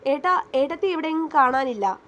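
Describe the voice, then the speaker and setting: A woman's voice: high-pitched, expressive, a little fast, fairly bright tone. A woman voicing an anxious young sister bringing news in a spoken romance story. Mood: worried. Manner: breathless, worried.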